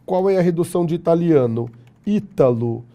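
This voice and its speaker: A man with a Brazilian Portuguese accent giving a classroom lecture, lively and jokey, often asking the class rhetorical questions. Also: a little high, moderate pace. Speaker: teacher.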